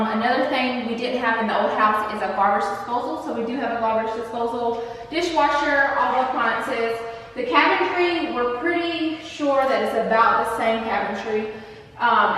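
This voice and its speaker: Upbeat woman vlogger with a fairly high voice, heard from a distance with big hall echo in an empty apartment. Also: fairly bright tone, slight background noise. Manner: chatty, upbeat, many fillers. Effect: big hall echo of an empty room. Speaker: vlog host. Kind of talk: casual home tour. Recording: echoey empty room, voice from off-mic.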